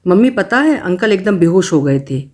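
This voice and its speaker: A woman reading the part of a sharp-tongued teenage daughter eagerly passing on neighbourhood news, in a story reading. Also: on the low side, big pitch swings, normal speed. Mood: excited.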